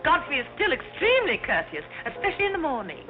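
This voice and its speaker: An actress playing a scatterbrained, chatty society matron in breezy 1930s screwball comedy banter. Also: female voice, sits high, wildly swooping pitch, fast. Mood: airy, chatty. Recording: muffled 1930s film soundtrack, music behind.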